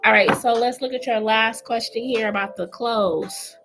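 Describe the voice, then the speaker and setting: A woman's voice: on the high side, steady tone, moderate pace, music in the background, poor audio. A woman giving a live-streamed tarot reading, chatty and familiar, calling the viewer girl and honey. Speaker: tarot reader.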